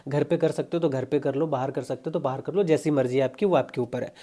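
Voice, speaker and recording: Young male fitness vlogger, warm mellow voice, chatty and salesy. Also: medium pitch, quick pace. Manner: chatty, pushy, addresses viewers as brother. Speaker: fitness coach. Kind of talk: casual diet advice vlog.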